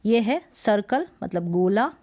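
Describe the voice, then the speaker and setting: A woman's voice: medium pitch, lively intonation, unhurried, a little mellow. A woman teaching English pronunciation, repeating each word and asking then answering her own questions. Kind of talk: explaining a word list in a lesson.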